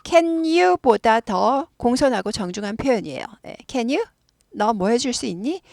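A woman, a native Korean speaker, explains an English dialogue as a lively teacher who repeats phrases for drilling. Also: on the high side, a little slow, gravelly, no echo, clean studio sound.

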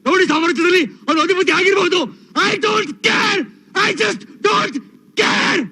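Dandaraj, a bright-voiced blustering tyrant. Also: male voice, extremely high pitch, normal speed, exaggerated voice. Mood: defiant. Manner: blustering, threatening, barking short retorts. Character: arrogant power-hungry middle-aged father, menacing. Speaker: arrogant powerful father. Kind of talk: film drama acting.

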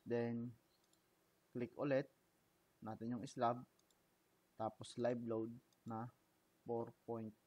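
Man, Filipino accent, software tutorial voice-over, step-by-step, methodical. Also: medium pitch, highs cut off. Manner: steady step-by-step narration of clicks, mixing Tagalog and English. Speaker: engineering software instructor. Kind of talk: screen-recorded software tutorial. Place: indoors at a computer, voice-over of screen capture.

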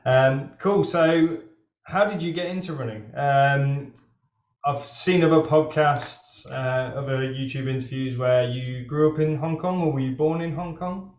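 A man's voice: mid-range voice, unhurried, a little mellow, dry recording, muffled recording. A man in his thirties hosting a running interview show, talking casually with lots of fillers. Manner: chatty, loose, many fillers. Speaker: running podcast host. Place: outdoors on a wet street, then a home room on a video call.

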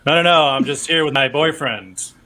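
A man's voice: a little high, moderate pace, bright, forceful tone. A man doing an awkward joking math teacher. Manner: dry, awkward banter. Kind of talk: comedic script reading.

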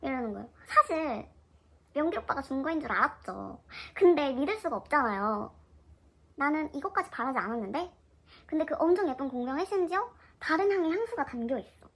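A woman in her twenties casually telling a personal story in an animated, chatty way. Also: sits high, a little fast, rough recording.

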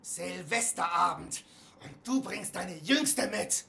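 A woman's voice: on the low side, expressive, slow, gravelly, sharp tone, heavily acted. An actress voicing a harsh, angry stepmother in a dubbed film drama, scolding and threatening. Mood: furious. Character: harsh scolding stepmother, middle-aged woman, bitter temper.

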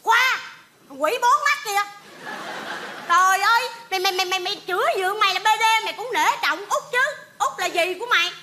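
Một nữ diễn viên đóng vai cô vợ trẻ hay cằn nhằn, mắng mỏ, trong vở hài kịch sân khấu, thu qua mic sân khấu có tiếng ồn khán phòng. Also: female voice, very high-pitched, expressive, fast, hardly any pauses, noisy background. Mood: chiding. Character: young wife, fussy and chiding. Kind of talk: stage comedy skit.

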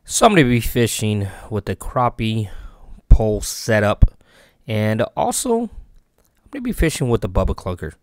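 A man narrating a voice-over, briskly running through his fishing gear. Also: fairly low pitch, very animated, no room sound, studio quality. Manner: brisk, listing details. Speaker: vlogger narrating.

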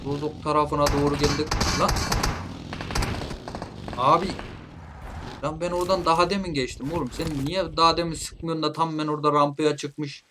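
A man commentating his own mobile shooter gameplay, playfully taunting opponents and calling them nephew, with bursts of loud shouting. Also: a little high, little pitch movement, normal speed, long pauses, noisy background. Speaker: gameplay streamer. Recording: game gunfire loud behind voice. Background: gunshots and clicks from the game.

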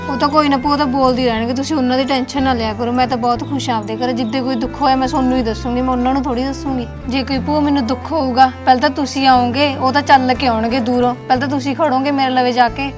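A woman's voice: sits high, steady tone, music in the background, natural voice. A young woman playing a caring married niece who reassures her aunt. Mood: reassuring. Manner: rapid, reassuring.

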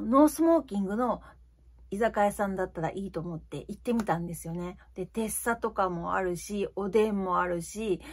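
Chatty, breathy woman in her fifties. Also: mid-range voice. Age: 50s. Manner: chatty, confiding, frequent fillers. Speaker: vlogger. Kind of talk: casual storytelling monologue.

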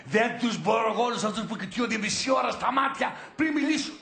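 An actor playing a hot-tempered, sleepy husband who shouts, swears and repeats himself. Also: male voice, very high-pitched, lively intonation, creaky, heavily acted. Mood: grumbling. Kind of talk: comedic film acting. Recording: roomy echo.

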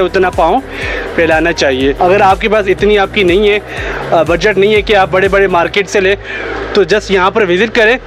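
Young vlogger with a raised voice. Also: male voice, high voice. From Pakistan. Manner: relaxed, chatty questions and sign-off. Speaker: vlogger host. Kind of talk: casual vlog interview. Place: clothing shop, indoors.

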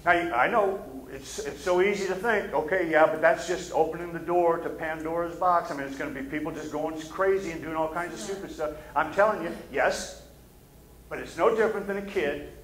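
On the high side and fairly bright, a middle-aged Midwestern pastor's voice moves at a brisk clip through a casual, plain-spoken sermon. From behind his pulpit on the church stage, he asks the congregation for agreement, his words echoing through the sanctuary.

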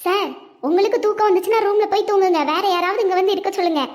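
A woman's voice: extremely high pitch, fairly even intonation, racing, darkish tone. A woman with a Tirunelveli Tamil accent voicing a firm hospital nurse in a cartoon. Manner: firm, telling off.

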